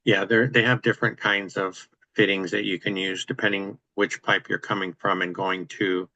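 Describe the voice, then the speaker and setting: A man with a deep, crisp-toned voice chats on a video call about practical landlord matters. He explains at length in an easygoing, matter-of-fact way, his pitch staying fairly level. The sound is dry and close. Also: little pitch movement, moderate pace, pushed and bright, dry recording, muffled recording. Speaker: real estate investor host. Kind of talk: casual chat on a video call.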